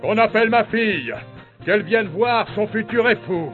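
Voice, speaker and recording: Shrill demanding old king, man voicing, slow reading, tinny sound. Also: big pitch swings, exaggerated voice. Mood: eager. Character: greedy shouting old king. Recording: tinny phone-like sound, faint music.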